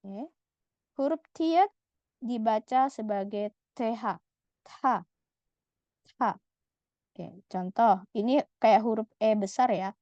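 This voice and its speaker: In an unhurried, warm, fairly high voice, a woman teaches Korean letters patiently, sounding out and repeating every syllable in a slow, step-by-step lesson. The lo-fi audio is slightly dull, with no room sound.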